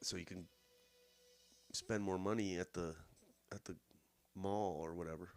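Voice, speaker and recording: A man's voice: low-pitched, steady tone, a little slow, a little mellow, faint music behind. A man hosting casual political commentary, mocking and swearing as he reacts to clips and mimics politicians in a sing-song voice. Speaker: host.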